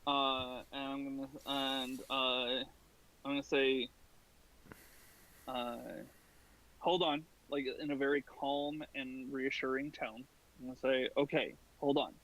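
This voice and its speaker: A man playing a tabletop role-playing game, talking casually and haltingly as he improvises. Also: mid-range voice, little pitch movement, fairly bright tone, low-quality recording.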